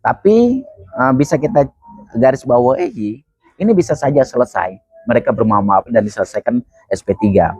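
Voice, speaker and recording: A man's voice: medium pitch, expressive, normal speed, darkish tone, husky, no echo. A man answers interview questions as a legal expert, explaining points emphatically and repeating key phrases. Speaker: criminal law expert.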